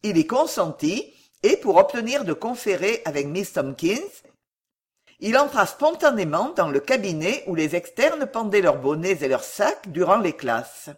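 Husky, lively woman reading a story. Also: mid-range voice, unhurried. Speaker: audiobook reader. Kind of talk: scripted narration of a classic novel.

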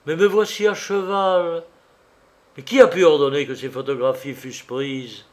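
A man's voice: on the high side, fairly even intonation, normal speed, natural voice. A man voicing an agitated young army captain in an audiobook, pressing his questions with urgency. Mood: astonished. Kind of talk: audiobook character voice.

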